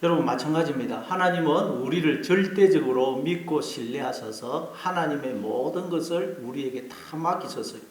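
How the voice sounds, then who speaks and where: A man's voice: on the high side, moderate pace, few pauses, echoey room, low-quality recording. A male pastor preaching an earnest sermon, repeating key phrases for emphasis. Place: church.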